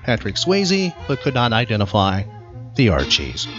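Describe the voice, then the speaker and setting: A podcast host with a fairly low voice and wildly swooping pitch moves between quiz questions and casual chat at a moderate pace. The audio is slightly dull, with background music behind him.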